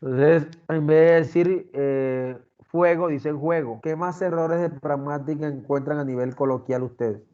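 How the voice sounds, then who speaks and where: A man's voice: a little high, fairly even intonation, a little slow, few pauses, mellow, lo-fi sound. A man teaching an online class, lecturing and often asking the students questions. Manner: talkative, asks the class questions, many fillers.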